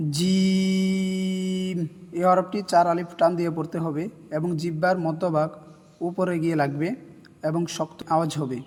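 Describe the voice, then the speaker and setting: A man teaching Arabic letter pronunciation calmly, drawing out each letter name as he says it. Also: on the high side, big-room sound. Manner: calm, deliberate, drawn-out recited letter names. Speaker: Quran recitation teacher. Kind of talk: slow instructional explanation of letter pronunciation.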